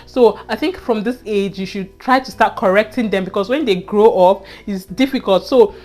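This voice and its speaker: Speaking at a normal speed in a mid-range, darkish voice, a young vlogger from Nigeria recounts something personal straight to camera. Her Nigerian accent is clear, and her earnest, casual telling loops back on itself, sprinkled with "you know."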